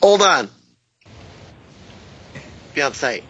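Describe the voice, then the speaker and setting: Excitable man, wildly swinging pitch. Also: extremely slow, lo-fi sound, background noise. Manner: excitable, incredulous. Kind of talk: casual chat on a group call.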